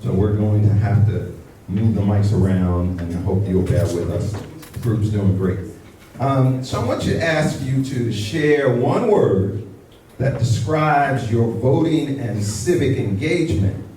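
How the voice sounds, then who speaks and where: Male panel moderator, lively and teasing, mellow voice, recorded from far off in an echoey hall. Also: on the low side, a little hiss or hum. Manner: lively, coaxing, quick to joke. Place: event hall.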